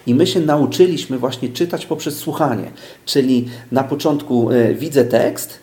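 Mellow-voiced man explaining patiently, roomy sound. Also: medium pitch, moderate pace. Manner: explains patiently with everyday examples, many hesitations. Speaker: speed-reading teacher. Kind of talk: explanatory interview talk.

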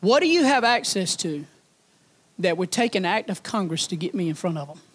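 A man preaching a sermon as pastor, folksy and animated, building emphasis through repetition. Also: sits high, normal speed.

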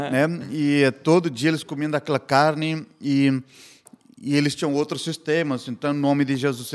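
With a fairly high-pitched voice, an Indian missionary guest offers his personal testimony in a podcast conversation. He narrates earnestly, using simple Portuguese that is slightly broken.

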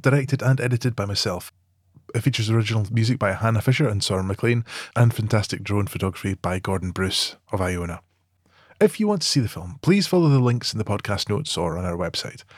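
A man hosting a podcast, reading his introduction in an earnest, clear way. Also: fairly low pitch, lively intonation, fairly quick, dry recording, clean studio sound. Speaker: podcast host.

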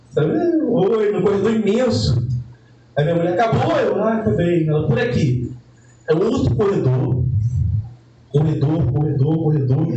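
Animated man telling a story live. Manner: animated, profane, jumps in pitch to act out quotes. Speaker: comedian podcast host. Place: live show venue. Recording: very echoey live room, distant mic, music behind.

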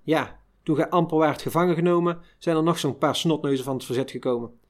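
A woman's voice: deep voice, fast talker, lightly acted. A man reading the lines of a worried older mother whose son is held prisoner, in his own reading voice.

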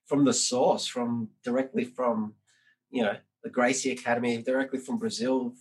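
A man's voice: mid-range voice, fairly even intonation, moderate pace, low-quality recording. A man hosting a casual podcast conversation, talking in a rambling way with many fillers. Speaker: podcast host.

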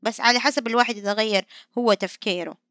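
A woman hosting a podcast interview, asking direct questions in a lively, casual way. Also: a little high, racing, no echo, clean studio sound. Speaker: podcast host.

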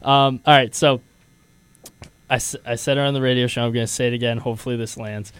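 A man's voice: medium pitch, fairly even intonation, fast, a bit bright, smooth. A young man hosting a casual sports radio show, steering the talk and teasing his co-hosts. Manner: leads the segment, teasing, laughs often. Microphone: headphones and studio mic.

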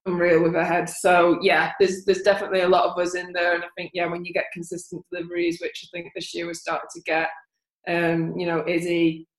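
A woman footballer, a podcast guest, chatting in a relaxed way and thinking aloud. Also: lowish voice, fairly quick, echoey room, low-quality recording. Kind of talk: casual podcast chat.

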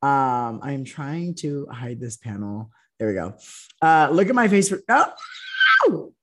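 A man's voice: medium pitch, animated, a little slow. Young male host, casual profane chatter, losing his voice, lots of "um"s. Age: young adult. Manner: casual and profane, with many fillers. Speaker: podcast host. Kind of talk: casual chat.

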